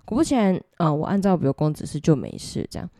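A young woman with a Taiwanese Mandarin accent chats through a ghost story and keeps turning to her listeners. Her voice is low and mellow. The sound is dry and close. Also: sing-song, fast talker, dry recording. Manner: chatty, addresses listeners directly. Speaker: podcast host. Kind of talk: casual ghost-story telling.

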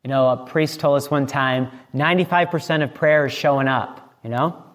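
A male priest giving a sermon in a relaxed, conversational way, often checking in with "right?". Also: mid-range voice, moderate pace. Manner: conversational, frequently asks "right?". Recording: long reverb in a large hall.

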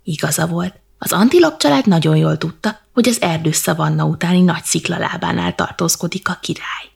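A woman reading a bedtime story in a soft, slow, half-whispered manner. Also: fairly low pitch, vocal fry, slightly rough.

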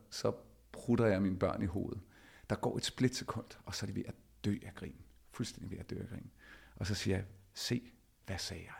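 A middle-aged man with a low, gravelly, somewhat husky voice tells a personal story. He is animated and performs the quoted lines himself, the way a podcast host talks. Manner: animated, acts out quoted dialogue.

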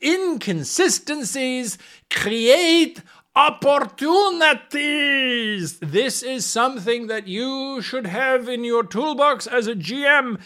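A man's voice: very high voice, measured pace, few pauses. A man hosting a podcast, talking enthusiastically about running tabletop games, slipping into playful accents now and then. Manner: animated, slips into playful put-on accents. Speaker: podcast host giving game master advice. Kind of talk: enthusiastic solo podcast talk.

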